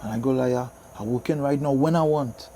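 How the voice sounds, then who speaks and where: Steady background noise sits behind this interview guest, a soca singer and DJ in his fifties with a Trinidadian accent. His medium-pitched voice moves a little fast as he chats casually, speaking emphatically and circling back to the same phrases often.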